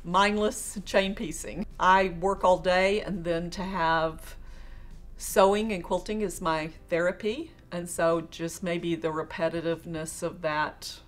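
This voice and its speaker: Slow, low-voiced woman, relaxed. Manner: relaxed, self-deprecating, laughs often. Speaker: quilting industry guest. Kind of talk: casual interview answers. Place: studio with quilt backdrop.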